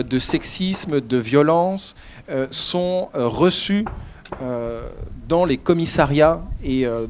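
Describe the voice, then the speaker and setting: A man moderating a conference, introducing speakers in halting, unscripted short phrases full of hesitation. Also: mid-range voice, darkish tone, a little hiss or hum.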